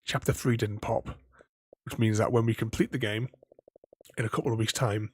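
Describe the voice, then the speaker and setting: Stuttering streamer, husky voice. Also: male voice, on the low side, steady tone, normal speed. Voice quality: stutters, repeats words. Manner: chatty, laughs often, thanks viewers warmly. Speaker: gaming streamer. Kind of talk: casual livestream chat.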